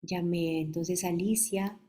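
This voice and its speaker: A woman in her forties with a Colombian accent, a mother giving a halting, emotional personal testimony. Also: on the low side, steady tone, dark tone. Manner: halting, emotional, restarts mid-phrase.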